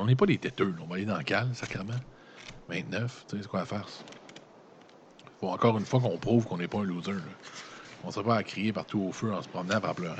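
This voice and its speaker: A man's voice: fairly low pitch, a little hiss or hum. A man with a Quebec French accent reading a gamebook aloud and breaking off into casual, slangy joking asides. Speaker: gamebook reader and player.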